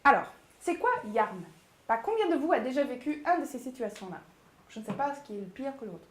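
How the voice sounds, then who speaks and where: Lively woman coaching in an echoey room. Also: high-pitched. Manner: lively, demonstrates pace and pauses, chatty asides. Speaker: public speaking coach. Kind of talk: workshop teaching. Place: agency workshop room.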